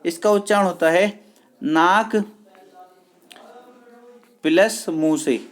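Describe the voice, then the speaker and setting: A teacher giving an online exam-prep lesson, repeating key words slowly and checking with the class whether it is clear. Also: medium pitch. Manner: addresses viewers as friends, patient and repetitive.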